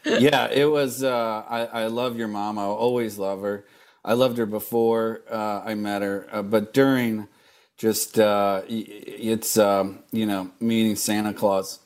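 A man guest in a casual chat, halting and laughing as he tells a story. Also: fairly low pitch, steady tone, darkish tone.

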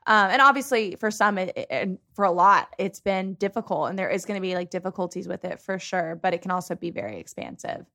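A woman's voice: lowish voice, lively intonation, brisk, hardly any pauses, sharp tone. A woman hosting a casual chat, agreeable and chatty. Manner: chatty, agreeable, laughs easily.

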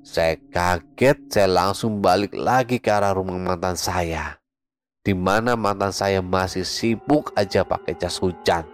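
Low-voiced man telling a horror story. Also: unhurried, faint music behind. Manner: chatty, addresses listeners directly. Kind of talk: casual horror podcast storytelling.

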